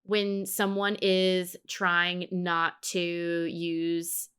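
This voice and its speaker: A woman's voice: on the low side, flat delivery, drawn-out words, fairly bright tone, clean tone. A woman co-hosting a podcast, talking casually and thinking aloud as she discusses a show. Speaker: podcast co-host. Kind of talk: casual discussion of an animated series.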